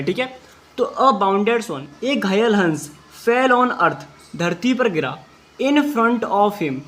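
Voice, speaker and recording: A man teaching an English class, reading English sentences slowly word by word and then explaining each word step by step. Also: sits high, fairly bright tone. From India. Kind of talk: classroom translation lesson.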